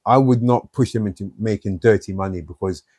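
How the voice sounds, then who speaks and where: In an interview, a male guest with a lowish, darkish voice talks a little fast. He recounts blunt, streetwise stories from his own life, peppering them with plenty of "you know"s.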